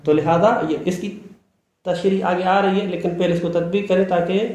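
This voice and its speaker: Male lecturer, higher voice, patient and repetitive, very roomy classroom sound. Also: flat delivery, a little mellow. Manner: slow, repeats terms, checks students' understanding. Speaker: seminary teacher. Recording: very echoey room.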